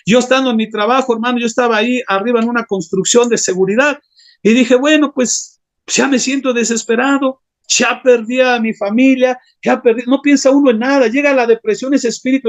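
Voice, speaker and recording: A man preaching an impassioned sermon as a pastor, often calling his listeners brothers. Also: very high voice. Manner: impassioned, keeps addressing the congregation as brothers.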